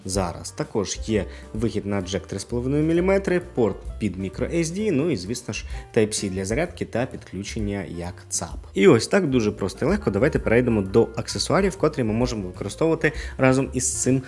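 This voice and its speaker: With music in the background, a man reviews a product in a conversational video to camera, casual and full of asides and rhetorical questions. His mid-range voice is sing-song and darkish in tone, moving quickly with hardly any pauses.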